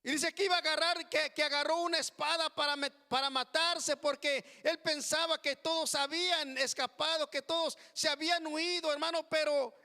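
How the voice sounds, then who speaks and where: A man preaching a sermon in a church, addressing the congregation as brothers with slow, drawn-out phrases. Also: very high voice, pushed and bright, in a large hall. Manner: slow, drawn-out preaching with frequent "hermano" asides. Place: church hall.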